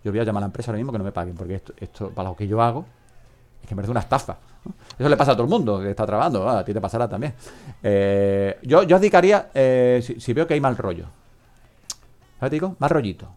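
A man's voice: medium pitch, expressive, fast, a little mellow. A man hosting a joking live radio show, rambling and acting out little scenes as he talks. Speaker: host of comedy radio show.

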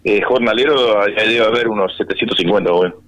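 A man answering questions in a radio interview, halting and repeating words as he talks. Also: lowish voice, fairly bright tone, muffled recording.

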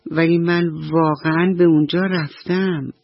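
A woman voicing an excitable young puffer fish who tells fanciful stories. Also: sits low, dry recording, lo-fi sound. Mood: eager. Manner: eager, boastful, insistent.

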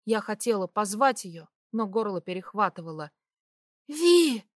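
A young woman reading a first-person fantasy audiobook in a brisk, vivid storytelling manner. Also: on the high side, dry recording, studio quality. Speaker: narrator.

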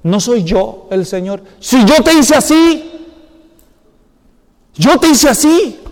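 A man's voice: very high voice, expressive, slow pace, in a large hall, heavily acted. A man voicing God, firm and reassuring, pressing a reluctant servant with rhetorical questions. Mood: insistent.

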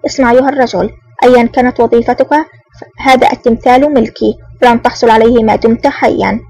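A woman's voice: fairly high pitch, fairly even intonation, quick pace, a little mellow, husky. A woman reading a scheming male secret agent who feigns anger in an audiobook. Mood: mock-angry. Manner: curt, mock-angry. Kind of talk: audiobook narration.

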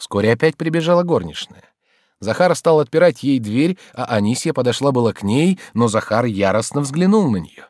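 A man reading a classic novel aloud as an audiobook narrator, in an expressive, measured way. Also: medium pitch, no echo, studio quality.

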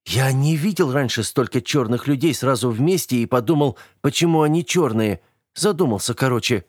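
A man's voice: mid-range voice, moderate pace, no echo, studio quality, pitched above the performer's own voice, close to an everyday voice. A man voicing a naive young fighter in an audiobook, earnest and a little hesitant. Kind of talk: audiobook character voice.

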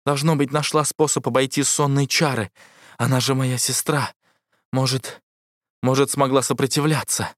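A man's voice: medium pitch, fairly even intonation, moderate pace, no echo, studio quality, voice pushed up, natural voice. A man voicing a choked, frightened river goddess. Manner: hoarse, faltering. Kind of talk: audiobook character voice.

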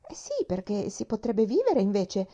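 A woman's voice: mid-range voice, huge pitch swings, moderate pace, mellow, highs cut off. A woman voicing a cheerful, chatty little girl in a storybook reading, eager and bubbly.

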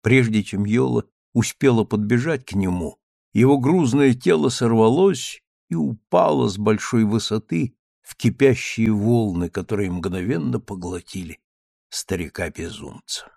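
Gravelly male audiobook narrator. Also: on the low side, a little slow, no room sound, clean studio sound. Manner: steady storytelling reading.

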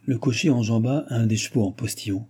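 A man reading a classic novel aloud as an audiobook narrator, measured and even. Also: mid-range voice, slightly rough.

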